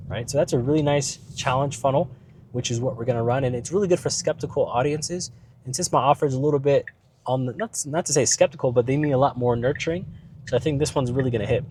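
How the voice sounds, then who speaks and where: A business vlogger talks casually about business while driving, his mid-range voice darkish with a little hiss or hum. He rambles through fillers and asides, keeps asking "right?", and his voice is starting to go because he's ill.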